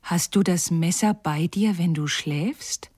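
A woman voicing a frightened, gentle young girl in a storybook, timid and pleading. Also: on the low side, slow pace, husky, dry recording.

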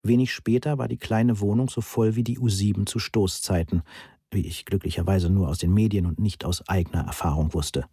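Low, husky male audiobook narrator. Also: steady tone, a little fast, mellow, no echo, studio quality. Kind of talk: scripted first-person narration.

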